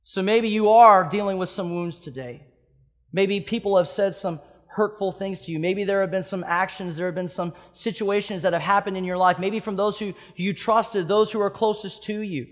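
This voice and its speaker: A pastor in his thirties from Hawaii preaches a sermon that swings passionately between loud, emphatic peaks and soft, hushed stretches. His high voice keeps a steady tone at a moderate pace.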